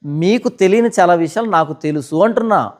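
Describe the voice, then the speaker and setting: A man's voice: high voice, expressive, a little fast, a little mellow. A man, a pastor answering questions in a heated session, who argues hard and keeps firing rhetorical questions. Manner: argumentative, fires rhetorical questions.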